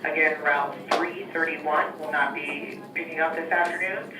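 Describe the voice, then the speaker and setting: Guy on the school intercom, kinda high flat voice, echoey speaker way off in the room, hissy. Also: normal speed, recorded from a distance, crowd noise. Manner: even, repetitive announcing tone. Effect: school intercom loudspeaker. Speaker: school staff making an announcement. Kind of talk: routine PA announcement. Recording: echoey classroom loudspeaker heard from afar with noise.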